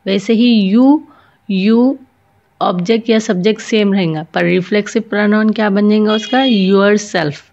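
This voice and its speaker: A woman teacher giving a grammar lesson, reading English examples slowly and explaining them in a mix of Hindi and English. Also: mid-range voice, a little mellow. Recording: dull lo-fi sound.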